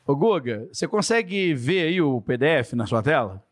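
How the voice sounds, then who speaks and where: A man hosting a casual podcast English lesson, acting out example phrases in a lively way. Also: on the high side, moderate pace. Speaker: English teacher, podcast host.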